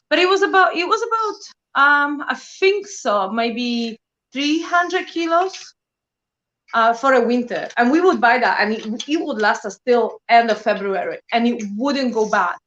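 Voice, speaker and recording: The lo-fi clip carries a faint hiss or hum beneath a fairly high female voice. She's a Polish woman in her thirties with a matching accent, a guest in a relaxed conversation who narrates animatedly and fills gaps with "you know" and similar words.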